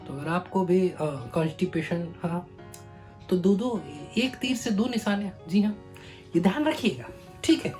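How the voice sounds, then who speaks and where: A man's voice: fairly high pitch, a bit bright. A man chatting casually to his phone camera at home, mixing English phrases into his talk. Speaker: vlogger. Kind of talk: casual vlog chat to camera. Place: home room, indoors.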